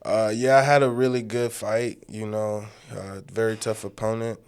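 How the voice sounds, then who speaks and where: A young Ugandan man in his twenties, an amateur fighter appearing as a guest, chats in a casual interview. His voice is fairly low and flat, at a normal speed, and he talks in an easygoing, loose way with lots of "you know" fillers.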